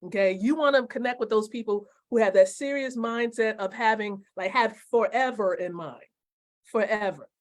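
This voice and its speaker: Emphatic woman coach in her forties. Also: a little high. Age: 40s. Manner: emphatic, repeats key phrases slowly, asks the audience questions. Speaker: network marketing coach. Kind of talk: live-streamed motivational teaching.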